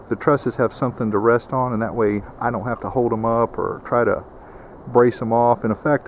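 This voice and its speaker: A man with a medium-pitched voice gives a casual how-to outdoors on a rural homestead, demonstrating a build step by step. He's plainspoken with many "uh" fillers, and the recording carries a little hiss or hum.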